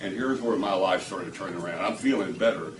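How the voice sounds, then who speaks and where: A low-voiced man talks briskly while telling a product-demo testimonial to a small audience in an indoor room. Lively in delivery, he voices the dialogue and often breaks into laughter. The recording is echoey, taken from afar, with audible background noise.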